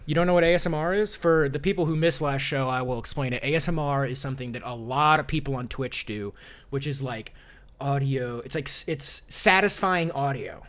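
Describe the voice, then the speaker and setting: A man's voice: mid-range voice, a little fast, fairly bright tone. A man hosting a live-streamed talk show, rambling with lots of fillers and restarts. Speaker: host.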